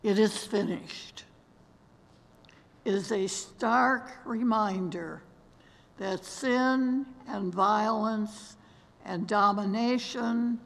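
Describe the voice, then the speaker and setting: Older woman, worship leader, solemn measured reading, long church reverb. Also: mid-range voice, vocal fry, fairly bright tone. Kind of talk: slow scripted meditation and prayer. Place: large church sanctuary, seated among robed choir.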